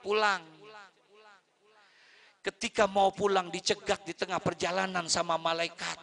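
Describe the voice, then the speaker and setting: Gravelly preacher. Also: male voice, sits high, little pitch movement, a little slow. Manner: swings from hushed storytelling to loud emotional outbursts. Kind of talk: storytelling sermon and Arabic closing prayer. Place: mosque study gathering.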